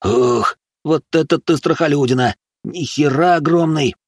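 A man reading an audiobook, voicing a rowdy, drunk young man who jeers loudly at a stranger. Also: a little high, a little slow, husky, no echo, pitched above the performer's own voice. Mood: jeering. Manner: jeering, brash.

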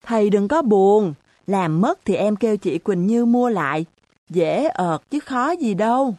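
Lady reading as a cheeky little schoolgirl, high chirpy voice, stubborn and naive, slow storybook pace. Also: lively intonation, no echo. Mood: innocent, chirpy. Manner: chirpy, innocent questioning.

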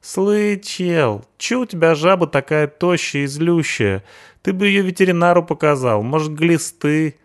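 A cheeky young punk guy with a whiny, slangy drawl, pitched far up, as a male audiobook reader puts him on. He sounds loud and pushy, each line stretched out lazily. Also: lively intonation, measured pace.

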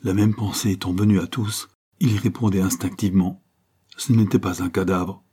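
A man narrating an audiobook in a steady, measured storytelling voice. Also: sits low, husky.

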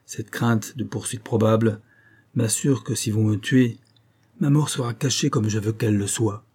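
A man's voice: on the low side, steady tone, moderate pace, darkish tone, breathy edge. A man voicing a cold, proud young nobleman who speaks in a clipped, controlled way, in a storybook reading.

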